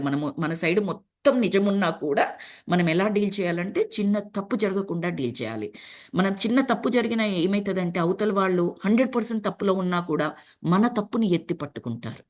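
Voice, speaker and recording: A woman speaking in a casual, conversational way to a meditation group. She retells a film scene and mixes English words into her speech. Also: sits low. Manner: addresses listeners as masters.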